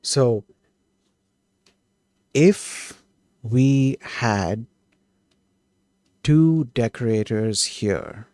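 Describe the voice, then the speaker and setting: A man working through code on a live stream, thinking out loud in an eager, self-correcting way. His voice sits at an ordinary middle pitch and sounds close and dry, with no room behind it. He often breaks off and restarts a thought. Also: animated, very slow, pauses often, dry recording. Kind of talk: thinking aloud while coding.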